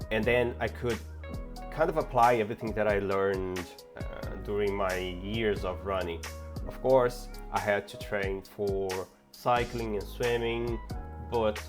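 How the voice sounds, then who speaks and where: A young Brazilian man with a Brazilian Portuguese accent, telling a personal story in a casual, reflective way with hesitations and restarts. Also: lowish voice. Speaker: fitness vlogger.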